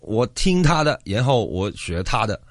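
A man with a fairly low voice speaks Mandarin with a clear Cantonese accent, as a native Cantonese speaker from Hong Kong. He gives casual interview answers, halting and repeating words as he finds them. The sound is very dry. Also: sing-song, no room sound. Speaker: actor, interview guest.

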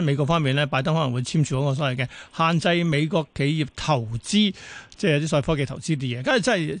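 Fast-talking Hong Kong radio host, a man. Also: on the high side, dry recording. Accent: Hong Kong Cantonese. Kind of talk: casual financial radio interview. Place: close, dry radio studio.

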